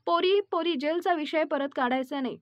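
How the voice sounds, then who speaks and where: A woman reading the lines of a protective elderly father calming his daughter. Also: sits high, moderate pace, no room sound, natural voice. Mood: soothing. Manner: soothing, firm.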